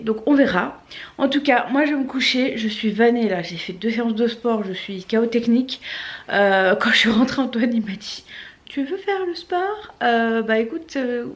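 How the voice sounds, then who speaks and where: Woman, high voice, lisp from a dental retainer, casual vlog chat. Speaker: vlogger.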